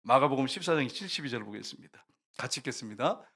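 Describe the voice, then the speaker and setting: A man's voice: medium pitch, animated, fast, creaky, a bit bright, husky. A male pastor preaching a sermon, telling a story vividly, acting out voices and rooster crows, and often speaking straight to the congregation. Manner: often addresses the congregation directly.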